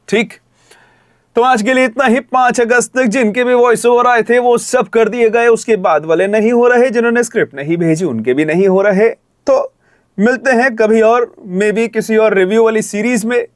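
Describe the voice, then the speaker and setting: A man coaching voice-over, giving friendly, direct feedback on recordings and jumping into energetic demo reads. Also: high voice, no room sound, studio quality. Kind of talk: reviewing recordings, with demonstration reads.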